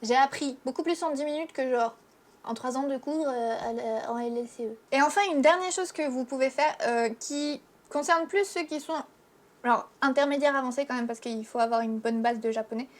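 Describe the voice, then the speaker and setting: High-voiced chatty French woman teacher. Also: normal speed. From France. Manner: chatty, frank, lots of fillers. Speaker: Japanese teacher and YouTuber. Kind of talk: casual video lesson.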